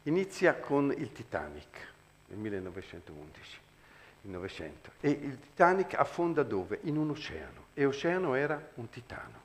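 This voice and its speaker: A man telling anecdotes on stage in a lively, chuckling way. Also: medium pitch, moderate pace. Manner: animated, chuckling storytelling. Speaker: storyteller, performer.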